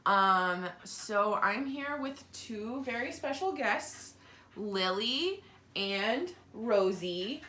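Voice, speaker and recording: This woman teacher draws out her words as she reads a picture book expressively to children. Her voice is mid-range, and she pauses for casual explanatory asides; the home recording sounds roomy and echoey.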